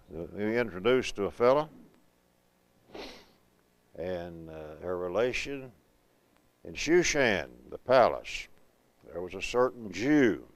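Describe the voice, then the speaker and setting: A man teaching a Bible class at a preaching school, reading scripture slowly and then explaining it conversationally, asking his students questions. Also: lowish voice, smooth, no room sound, poor audio. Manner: conversational, asks the class questions and answers them; reads verses slowly and deliberately.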